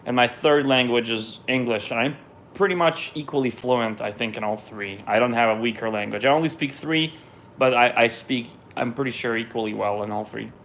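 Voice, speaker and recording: A middle-aged Israeli musician whose native language is Russian hosts a viewer Q&A, reading questions aloud and answering them in a relaxed, chatty way, often trailing off and starting over. His pitch is medium and his pace moderate, with a little hiss or hum on the recording.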